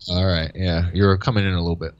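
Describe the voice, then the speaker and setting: A man's voice: low voice, little pitch movement, fast talker, no room sound, lo-fi sound. A man guesting on an online music stream, enthusiastic and slangy, laughing often. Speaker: guest beatboxer and producer. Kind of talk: casual chat.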